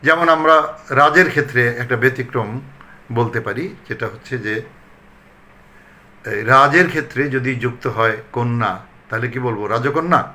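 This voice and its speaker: A man from Bangladesh, a recitation trainer, giving a pronunciation lesson and repeating example words slowly and deliberately. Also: medium pitch, sharp tone.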